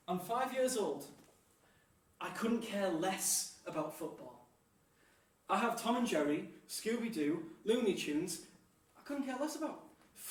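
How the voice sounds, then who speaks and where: A young man, performing an animated one-man theatre monologue with dramatic pauses. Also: sits high, distant mic. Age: 20s. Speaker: solo stage performer. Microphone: distant room mic. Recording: echoey room, voice from afar.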